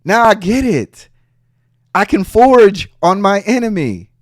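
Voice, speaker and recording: A man's voice: high-pitched, big pitch swings, slow, no echo, clean studio sound. A man hosting a podcast, giving heated casual commentary in a profane, mocking way. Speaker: podcast host.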